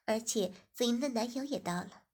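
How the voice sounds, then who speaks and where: In a slightly high, breathy voice, a woman narrates a story. Her reading is even and unhurried, and now and then she drops into a soft whisper.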